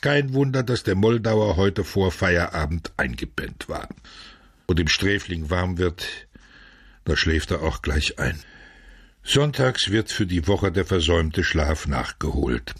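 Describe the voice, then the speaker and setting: A man reading a novel aloud as scripted narration, measured and steady, switching to loud shouts for quoted lines. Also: sits low, slightly rough, no room sound, clean studio sound. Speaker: audiobook narrator.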